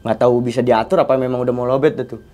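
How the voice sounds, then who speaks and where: Mellow-voiced man from telling a story. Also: medium pitch, rapid-fire, soft background music. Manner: animated, slangy, often addresses the host as 'Bang'. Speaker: guest storyteller. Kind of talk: casual storytelling chat.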